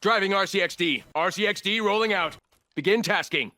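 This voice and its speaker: Playing a ruthless, arrogant soldier in a shooter game, a man gives clipped, commanding combat callouts in a cold, contemptuous manner. His voice is high-pitched, brisk, pushed, and bright.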